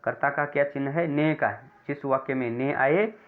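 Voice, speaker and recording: Male language teacher, patient classroom delivery, repeats and self-corrects, recorded on a narrow phone-like line. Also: on the high side. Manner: slow, repeats words, corrects himself with "sorry". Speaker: Sanskrit teacher. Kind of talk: classroom lesson explaining grammar. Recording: tinny phone-like sound.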